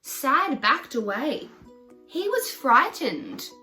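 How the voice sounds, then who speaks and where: Bright, slow-paced woman reading to children. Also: high voice, big pitch swings, soft background music. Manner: slow, simple, child-directed storytelling. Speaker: children's storyteller. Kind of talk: reading a picture book aloud to children.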